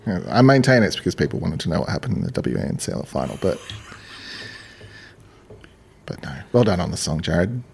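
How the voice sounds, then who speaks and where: Gravelly low-voiced man with dry wit. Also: sing-song, fairly quick, long pauses, a little mellow. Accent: Australian. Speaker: podcast co-host. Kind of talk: casual chat.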